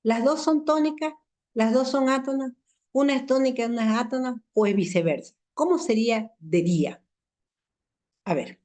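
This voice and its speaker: A woman teaching a university language class online through a computer mic, patient and explanatory, repeating examples slowly and asking the class rhetorical questions. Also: high-pitched, a little mellow. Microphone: computer mic in a video call.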